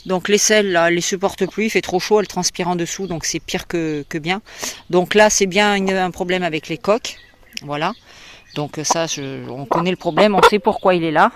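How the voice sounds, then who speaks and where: A woman's voice: fairly low pitch, fairly quick, a little hiss or hum. Chatty French woman in a poultry yard. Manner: chatty, explanatory, with many fillers. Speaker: poultry breeder. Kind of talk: casual walk-through video. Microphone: handheld phone. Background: hens clucking.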